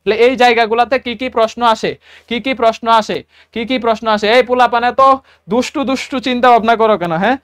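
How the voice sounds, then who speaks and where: Speaking fast in a very high, steady voice that is a bit bright, clear and resonant, a man teaches a relaxed exam-prep math class. He has a Bangladeshi Bengali accent, repeats every step, and quizzes the students in a chatty manner.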